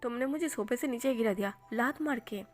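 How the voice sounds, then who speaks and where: A woman's voice: a little high, fairly quick, faint music behind, lightly acted. A woman voicing a heartbroken young man who whines and complains through tears to his best friend. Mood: whiny, tearful. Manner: whiny, sobbing complaints.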